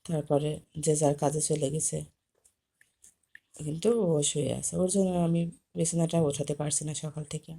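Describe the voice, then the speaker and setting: A woman's voice: low voice, steady tone, unhurried, creaky, long pauses, warm tone, husky. A woman vlogger talking to camera while coaxing and scolding her cat to get off the bed. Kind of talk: casual chat to camera.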